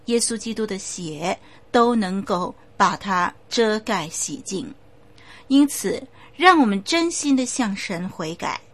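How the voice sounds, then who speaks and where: A woman preacher giving a sermon with storytelling, speaking in a measured, emphatic way with occasional fillers. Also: medium pitch, a bit bright.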